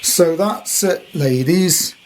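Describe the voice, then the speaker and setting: A British radio collector in his sixties presents an item in a casual show-and-tell, his voice slightly high and slow. He's chatty, unscripted and rambling, with faint noise in the background.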